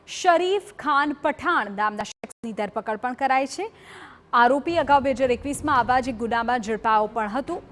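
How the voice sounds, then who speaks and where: A woman anchoring a news bulletin in a formal, measured delivery, with occasional brief hesitations. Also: a little high, a little hiss or hum. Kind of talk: news reading.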